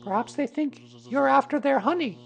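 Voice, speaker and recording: A man voicing a small, bright, sensible young boy in a children's storybook, speaking simply and matter-of-factly. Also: very high voice, moderate pace, gravelly, voice pushed up. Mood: curious. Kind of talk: children's storybook character reading.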